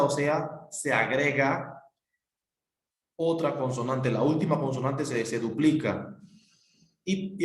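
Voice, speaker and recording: A man teaching a grammar lesson, patient and repetitive, spelling out letters one by one. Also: fairly high pitch. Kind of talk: recorded classroom explanation. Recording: echoey room.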